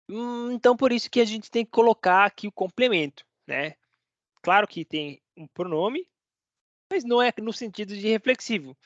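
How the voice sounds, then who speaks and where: A man's voice: high-pitched, dry recording. A man teaching a casual online Spanish lesson, chatting and checking in with his viewers often. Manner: chatty, keeps checking in with listeners. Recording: dry, slightly dull recording.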